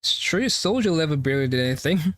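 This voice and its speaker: A man's voice: on the high side, lively intonation, fast, dry recording. A man giving casual, crude and profane live commentary as he reacts to a game's story. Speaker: streamer reacting to a game story. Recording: dry mic, faint game music behind. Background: game music and dialogue.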